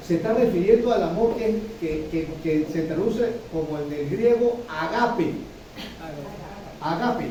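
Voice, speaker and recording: A man's voice: high voice, mellow, a little hiss or hum. A man preaching a sermon. He repeats himself and keeps checking in with his listeners by asking "¿sí?". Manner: repetitive, addresses listeners with frequent "¿sí?". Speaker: pastor. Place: church hall. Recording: echoey room, from far off.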